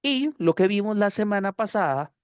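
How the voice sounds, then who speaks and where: A man's voice: high-pitched, expressive, normal speed, clear, resonant tone, dry recording, studio quality. A Spanish-speaking man with a Costa Rican accent, teaching an online English pronunciation class, explaining patiently and often repeating phrases with fillers. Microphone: computer mic on a video call.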